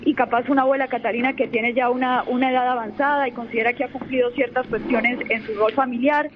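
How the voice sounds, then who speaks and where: On a radio interview, a young adult Colombian lawyer talks fast in a voice on the high side with fairly even intonation, self-assured and firm. Repeated words crop up as she organizes her thoughts; the audio is muffled and carries faint noise.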